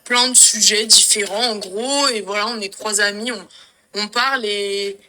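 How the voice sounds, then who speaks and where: A woman's voice: medium pitch, steady tone, moderate pace, pushed and bright. A woman reading out a recorded casual intro message for a stream, rambling with many fillers. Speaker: contributor sending a recorded intro.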